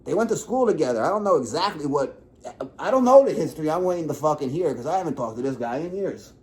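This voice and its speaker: A man co-hosting a podcast, chatting casually and telling stories in a rambling, profane, fast way. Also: a little high, animated, a little mellow. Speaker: podcast co-host. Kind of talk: casual chat.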